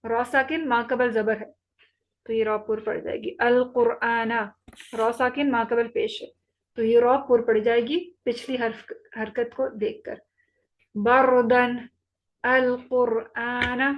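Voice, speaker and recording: Woman teacher going over recitation rules, fairly high voice, slow and repetitive, keeps checking students get it. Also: muffled recording. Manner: patient, repeats rules slowly and checks understanding. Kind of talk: online tajweed lesson. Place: online class.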